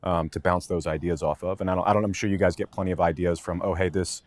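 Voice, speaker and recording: A man's voice: sits low, steady tone, quick pace, a little mellow, no echo, studio quality. A man working in content marketing, a guest on a podcast, thinking aloud in casual conversation and often restarting his phrases. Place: office with many desks.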